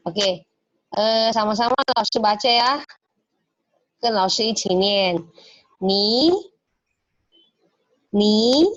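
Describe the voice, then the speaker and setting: A woman gives an online language lesson over a video call. She explains patiently, step by step, and says example words slowly so her students can repeat them. The audio is dry and slightly dull, like a lo-fi call. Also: mid-range voice, fairly even intonation, a bit bright, no room sound. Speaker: Mandarin teacher.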